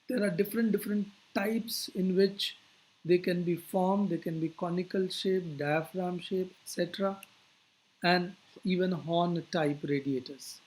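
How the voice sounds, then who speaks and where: A physics teacher delivers an explanatory lecture, phrasing things deliberately and posing rhetorical questions. The voice is mid-range with a darkish tone, and the recording is rough.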